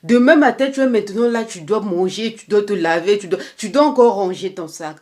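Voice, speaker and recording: A woman's voice: mid-range voice, brisk, a little mellow. A young woman vlogger talking straight to her viewer, giving earnest, repetitive life advice with a touch of faith. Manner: faith-tinged encouragement. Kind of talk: casual motivational talk to camera.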